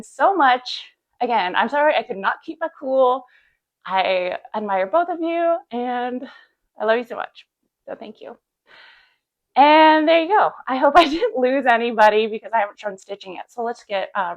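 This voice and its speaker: A woman's voice: medium pitch, muffled recording. A woman in her thirties chatting casually to camera about her cross stitch, bubbly and full of fillers.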